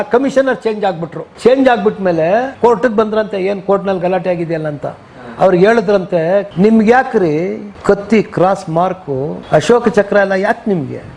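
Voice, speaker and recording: An older man with a Kannada accent recounts his past as a retired police officer. His voice sits high and has a gravelly edge. He tells it vividly, acting out the lines he quotes. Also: darkish tone. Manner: vivid retelling, switches into English quotes. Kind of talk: interview storytelling.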